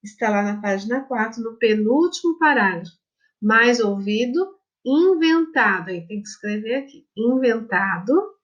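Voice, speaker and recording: Brazilian lady teacher talking to little kids really slow, higher voice, spells words out, kinda dull lo-fi sound. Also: lively intonation. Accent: Brazilian Portuguese. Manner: affectionate, addresses pupils as "my loves". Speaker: primary school teacher. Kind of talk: remote lesson for children.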